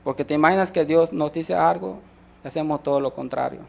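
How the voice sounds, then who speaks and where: A man's voice: a little high, fairly quick, vocal fry, a little mellow. A man with a Mexican Spanish accent giving a sermon testimony, telling his story with many restarts and voicing the people in it. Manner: storytelling, acts out quoted dialogue, frequent restarts.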